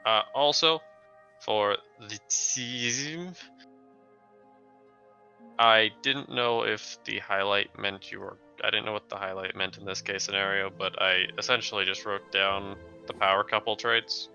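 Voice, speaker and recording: A man with a creaky, gravelly edge and a very sharp, bright tone chats casually on a stream. He often repeats himself mid-thought. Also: lowish voice, fairly even intonation, unhurried, highs cut off. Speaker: tabletop player on a group livestream. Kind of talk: casual chat. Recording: background music behind voice. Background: music.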